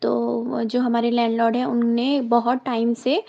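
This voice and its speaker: A woman's voice: fairly high pitch, little pitch movement, measured pace, vocal fry, mellow. A woman humbly sharing a devotional testimony and reciting a mantra, hesitant and apologetic. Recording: dull lo-fi recording.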